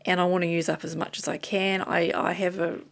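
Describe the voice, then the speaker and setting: A tired vlogger with a New Zealand accent, who is losing her voice and sounds slightly hoarse, chats casually while showing items to the camera. Her lowish voice is flat and brisk as she rambles in a self-deprecating way and drifts off topic.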